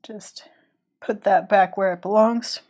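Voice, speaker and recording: Her mid-range voice sounds a little mellow, with fairly even intonation and a slow pace. Nursing a cold, she draws on stream and chats casually, wandering off and starting her sentences over.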